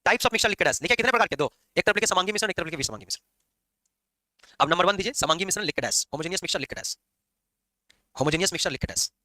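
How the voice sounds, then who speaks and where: A man lectures his chemistry class quickly, teasing and scolding students along the way. His voice is high and very bright, swooping up and down. The sound is dry and close. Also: dry recording. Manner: lively, scolding and joking with students. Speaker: chemistry teacher.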